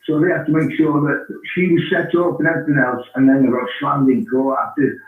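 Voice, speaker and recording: A man's voice: on the high side, flat delivery, fairly quick. A man telling blunt, slang-heavy stories in a casual call-in chat. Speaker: guest caller. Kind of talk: casual storytelling. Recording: echoey, distant, phone-like line.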